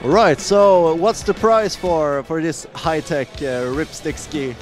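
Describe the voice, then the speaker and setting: A man's voice: on the high side, lively intonation, slow pace, faint music behind. A man in his thirties asking casual, brief questions as interviewer at a busy trade fair hall, holding a handheld mic. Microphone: handheld mic with windscreen.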